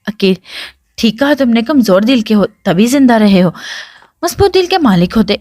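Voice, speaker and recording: A woman voicing a gentle young woman near death, a sister who speaks softly and wearily with tenderness. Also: fairly high pitch, expressive, no room sound, clean studio sound. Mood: tender. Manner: soft, weary, tender.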